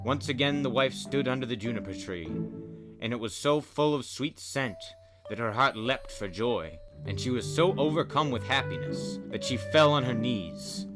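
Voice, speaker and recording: A man hosting a spooky story podcast narrates in a dramatic storyteller's style, mixing fairy-tale narration with casual commentary. His medium-pitched voice has lively intonation at normal speed, with music in the background.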